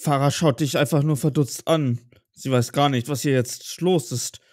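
A man narrating as game master in a slow, atmospheric way. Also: medium pitch, a little mellow, no room sound, clean studio sound. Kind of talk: narrating an audio role-play.

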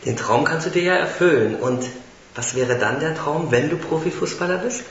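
A man's voice: fairly high pitch, normal speed, dull audio. A man playfully interviewing a contestant in a mock casting show, laughing often. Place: small room indoors. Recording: echoey room, faint hiss.

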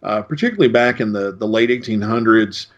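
A man speaking as an author and guest in an interview, explaining his points in a measured way with frequent restarts. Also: on the low side. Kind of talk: conversational interview. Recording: dull lo-fi recording.

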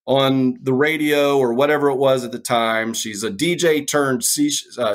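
A middle-aged man hosting a podcast, introducing his guest in a rambling, halting way with many restarts. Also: mid-range voice. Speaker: podcast host. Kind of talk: casual interview intro.

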